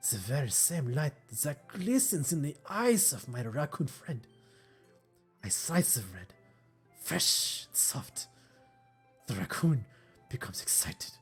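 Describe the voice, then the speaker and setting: Woman as a timid literary girl, deep mock-German voice, husky and slow. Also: expressive, soft background music, full character voice. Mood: brooding. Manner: timid, halting, hushed. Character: shy bookish young woman with a put-on German voice.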